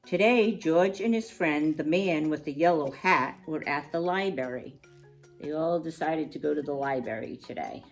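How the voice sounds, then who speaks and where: Over soft background music, a low-voiced woman reads a picture book to young children at normal speed. Her storytime delivery is expressive, drawing out words for emphasis and adding chatty asides.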